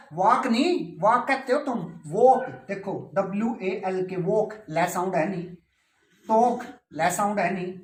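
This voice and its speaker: Man teaching pronunciation, roomy and distant. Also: high voice. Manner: explains patiently, repeats words and spells them out letter by letter. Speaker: English teacher. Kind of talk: classroom pronunciation lesson.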